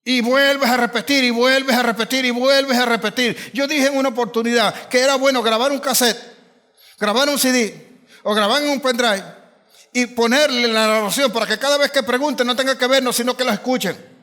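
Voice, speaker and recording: High, bright-voiced pastor preaching in a hall. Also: male voice, steady tone, moderate pace. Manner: preaching with repetition and rising emphasis. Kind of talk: sermon.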